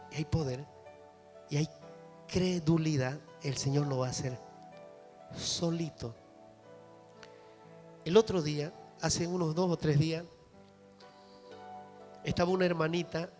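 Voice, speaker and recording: A man's voice: a little high, darkish tone. A man with a Bolivian accent, a pastor preaching fervently to his congregation. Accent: Bolivian Spanish. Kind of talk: sermon. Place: church hall. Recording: reverberant church hall with music.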